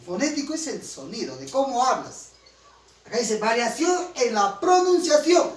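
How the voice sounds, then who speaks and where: Speaking at an extremely high pitch and a normal speed, this very animated man lectures to a class. His Peruvian Spanish accent comes from Huancayo, and his style is emphatic, with frequent requests for students to confirm. The audio is distant and roomy, with a faint hum of the room.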